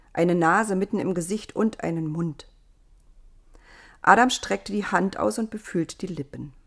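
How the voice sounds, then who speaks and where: A woman reading a children's story aloud in a lively, expressive way. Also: fairly low pitch, creaky.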